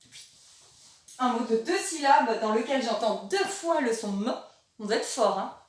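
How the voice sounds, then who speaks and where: A woman teaching a remote lesson to young children, in a gentle, encouraging way, speaking slowly and articulating clearly. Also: a little high, lively intonation. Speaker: primary school teacher. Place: classroom or room with a board. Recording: very echoey room, voice from a distance.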